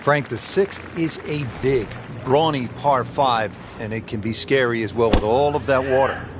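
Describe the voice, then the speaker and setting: A man's voice: medium pitch, moderate pace. A man giving live golf commentary as lead announcer, in short, punchy phrases addressed to a co-commentator. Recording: loud outdoor crowd and ambient noise.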